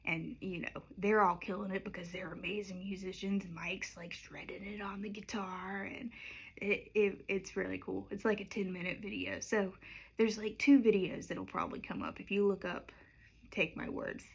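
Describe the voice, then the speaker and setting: A woman's voice: mid-range voice, gravelly, slightly rough. A woman singer-songwriter chatting casually and unhurriedly between songs, rambling with lots of fillers. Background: acoustic guitar.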